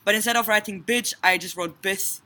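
A woman's voice: mid-range voice, a little fast, very noisy. A woman co-hosting a casual chat with friends, cheeky and joking. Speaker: podcast co-host.

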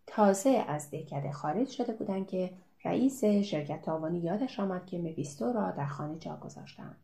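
A woman reads a novel aloud in a calm, measured way, her voice mellow and darkly warm. The delivery stays even and steady, like a careful audiobook narration. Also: lowish voice, creaky.

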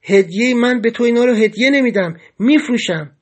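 A man's voice: high voice, steady tone. A man voicing Pritsa, a scolding cellmate. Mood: insistent. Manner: scolding, exasperated. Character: clever, blunt, hot-tempered male prison cellmate. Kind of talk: audiobook character voice.

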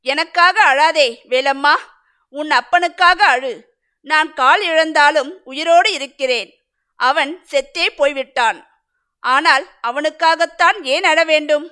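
A woman's voice: sits high, a little slow, bright, forceful tone. A woman doing a wounded village warrior husband. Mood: tender. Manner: earnest, pleading.

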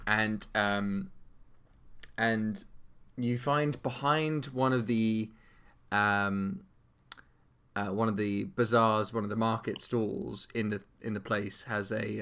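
A man's voice: on the low side, level tone, slow pace, long pauses, a bit bright. A man narrating as game master in a casual, rambling way, with many ums and restarts and some casual swearing.

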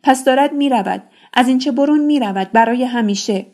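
A woman's voice: high voice, a little mellow, voice pushed up. A woman voicing a pleading young desert boy. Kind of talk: audiobook character reading.

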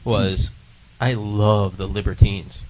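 A man's voice: fairly low pitch, level tone, slow pace, crowd noise, rough recording. A man co-hosting a podcast, telling rambling stories and searching for names as he goes. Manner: rambling storyteller, hunts for names mid-sentence. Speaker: podcast co-host. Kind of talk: casual chat.

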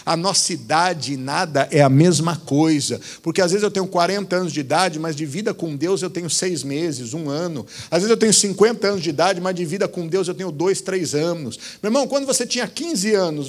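High-voiced man preaching a sermon. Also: expressive, fairly quick, hardly any pauses. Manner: exhorting, rhetorical questions, repeatedly addresses the listener as brother.

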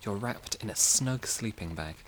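Deep-voiced man narrating a sleep story. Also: expressive, a little hiss or hum. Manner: slow, soft, soothing delivery.

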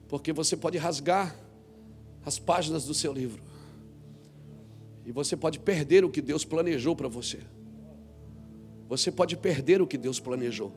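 A man preaching a sermon as pastor, with dramatic swings from loud shouts to low murmurs.

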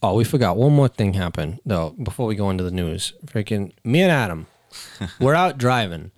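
Animated, insistent American man swearing freely. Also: fairly low pitch, moderate pace. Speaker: podcast host. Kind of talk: casual banter and storytelling.

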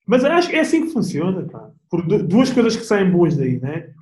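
A young man with a European Portuguese accent, chatting as an interview guest in a relaxed, slangy way with plenty of restarts. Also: high-pitched, moderate pace, echoey room, poor audio. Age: young adult. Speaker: guest athlete. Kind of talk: casual interview chat.

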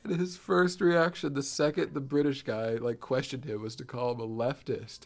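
A young man co-hosting a podcast, chatting casually and telling stories with a joking, animated manner. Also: mid-range voice, moderate pace, vocal fry, no echo. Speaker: podcast co-host. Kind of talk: casual chat.

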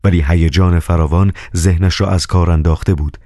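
A man reading a novel aloud as an audiobook narrator, steady and measured. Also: low-pitched, dry recording, studio quality.

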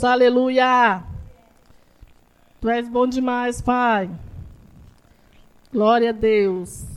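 A woman preaches in a high voice. She drops to quiet, conversational stretches and then climbs into loud, shouted declarations. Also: clean tone. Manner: fervent, rising to shouted declarations. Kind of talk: sermon.

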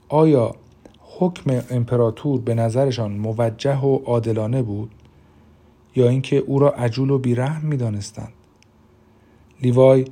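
A man narrating an audiobook in a calm, measured reading voice. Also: mid-range voice.

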